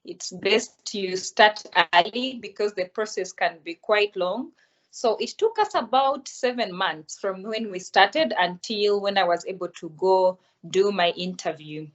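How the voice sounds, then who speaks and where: A young woman, calmly explaining her experiences as an interview guest over a video call. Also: mid-range voice, a little slow, lo-fi sound. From Uganda. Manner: calm, explanatory. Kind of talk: answering interview questions.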